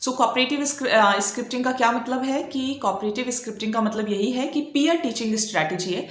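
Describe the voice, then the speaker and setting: A woman's voice: on the high side, a little fast, echoey room. Teacher woman mixing Hindi and English. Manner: explains in Hindi mixed with English, repeats and checks "ठीक है". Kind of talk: online exam-prep lecture.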